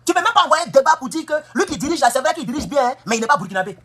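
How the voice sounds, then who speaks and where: A woman's voice: high voice, big pitch swings, racing, fairly bright tone. A woman giving an impassioned political monologue, emphatic and scolding, firing off rhetorical questions. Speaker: political commentator. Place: United States.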